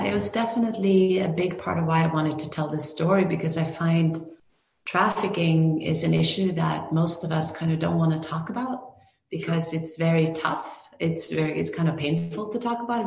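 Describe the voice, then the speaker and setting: Low, gravelly and a little mellow, this woman's voice belongs to a film director from Norway. She responds to an interviewer with care, though she frequently restarts and fills gaps with fillers, and the room has an echo to it.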